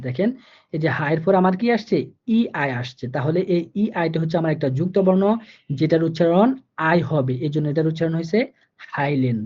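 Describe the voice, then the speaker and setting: A man with a Bangladeshi Bengali accent teaching German pronunciation, patiently repeating each rule and checking that his students follow. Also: on the high side. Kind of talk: online language lesson. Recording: dull, muffled lo-fi recording.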